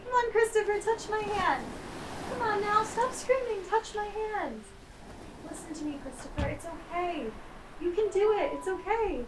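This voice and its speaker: A young woman acting a gentle, coaxing mother on stage. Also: very high-pitched, normal speed, background noise. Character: warm coaxing young mother, playful and dreamy. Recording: distant stage mic with music behind.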